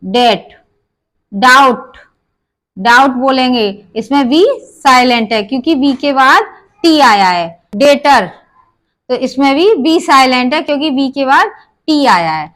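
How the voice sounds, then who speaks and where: A woman's voice: high voice, sing-song, normal speed, fairly bright tone. A woman teaching English pronunciation rules, asking herself questions and answering them, spelling words out letter by letter.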